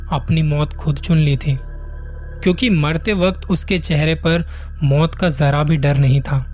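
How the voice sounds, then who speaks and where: A man reading a horror story as suspenseful first-person narration, slow and measured. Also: a little high.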